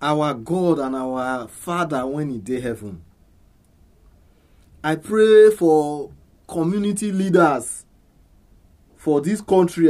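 Slow-paced Nigerian church elder praying in Pidgin. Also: male voice, on the high side.

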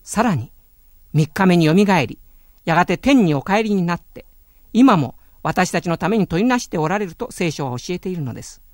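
A man giving a calm, earnest radio sermon, speaking in a measured way. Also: high-pitched, no room sound, studio quality. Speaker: radio preacher.

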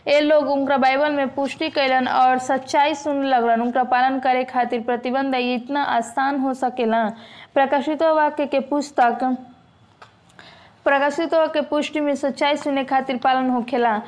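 A woman with a Bhojpuri accent delivering a measured Bible sermon. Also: high-pitched, steady tone. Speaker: preacher.

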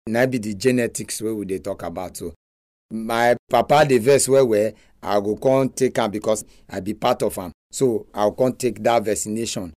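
A man's voice: fairly low pitch, moderate pace, darkish tone, no room sound, clean studio sound. A man with a Nigerian accent giving a religious radio talk in Nigerian Pidgin, repeating phrases for emphasis.

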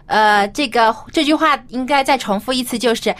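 A woman's voice: a little high, normal speed, fairly bright tone. A woman hosts an educational children's broadcast, explaining phrases and lessons expressively to young listeners. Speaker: children's radio show host.

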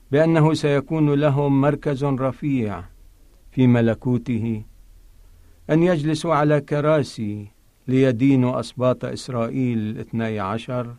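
A man's voice: mid-range voice, darkish tone, no room sound. Dry-sounding man in solemn religious narration. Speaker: pastor presenting a radio Bible programme. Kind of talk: scripted religious narration and scripture reading.

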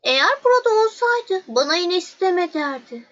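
A woman voicing the little prince, a polite and lonely young boy, speaking softly and earnestly in a storybook reading. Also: extremely high pitch, sing-song, normal speed, lo-fi sound, pitched above the performer's own voice, heavily acted. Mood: sad.

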